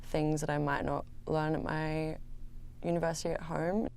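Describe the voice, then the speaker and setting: A woman's voice: sits low, level tone, moderate pace, gravelly, a little mellow, no echo. A young Australian woman, a student giving casual answers in an interview. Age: young adult. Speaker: international art history student being interviewed.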